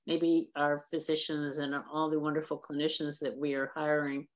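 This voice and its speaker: A woman's voice: sits low, little pitch movement, moderate pace. A woman on a video call, speaking plainly and with firm opinions. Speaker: discussion participant.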